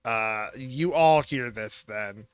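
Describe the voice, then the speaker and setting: Male game master for online tabletop play: halting, distracted delivery, close dry sound, slow pace. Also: mid-range voice, clean tone, dry recording. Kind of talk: running an online tabletop role-playing game.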